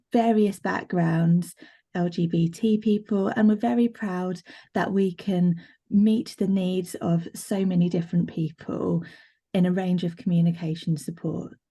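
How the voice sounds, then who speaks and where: A woman sign language interpreter speaks as a live voice-over for a signed talk, rendering it in first person as it happens. Her voice sits a little low and sounds soft and mellow, steady with fillers and restarts, over a video call. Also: breathy edge. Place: online video meeting.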